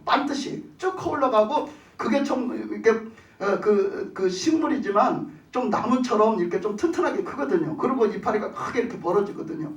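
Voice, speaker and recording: A preacher giving a folksy, animated sermon and putting questions to the congregation, recorded in a church. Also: mid-range voice, far from the mic. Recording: roomy church, voice off mic.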